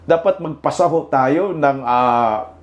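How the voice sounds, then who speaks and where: A Filipino man doing laughing, mocking reaction commentary over protest footage, jeering and shouting exclamations. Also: on the high side, slow, dull audio. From Philippines.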